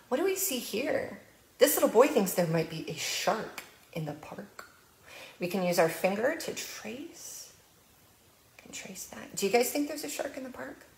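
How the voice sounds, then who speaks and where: A woman's voice: on the high side, creaky, slight background noise. An American woman, a children's librarian, reads a picture book aloud and gives early literacy tips in a playful sing-song way, with animal sounds. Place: library room. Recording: echoey room.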